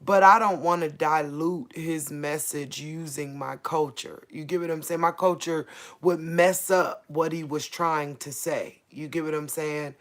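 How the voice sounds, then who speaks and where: A woman hosting a faith livestream, speaking a casual prophetic message to viewers in a halting way, searching for her words and repeating herself. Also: low voice, fairly even intonation.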